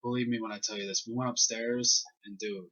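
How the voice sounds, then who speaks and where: A man's voice: lowish voice, fairly even intonation, fairly quick, fairly bright tone. A young man co-hosting a casual, uncensored podcast, telling stories in slang and laughing through them. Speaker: podcast co-host. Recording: dull lo-fi podcast recording.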